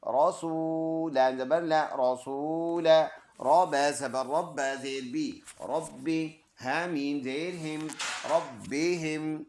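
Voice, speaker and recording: A man's voice: a little high, fairly even intonation, extremely slow, darkish tone, a little hiss or hum. A man teaching Quran reading, spelling out each word letter by letter and vowel by vowel before reciting the full verse. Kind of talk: slow spelled-out recitation lesson. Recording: echoey room.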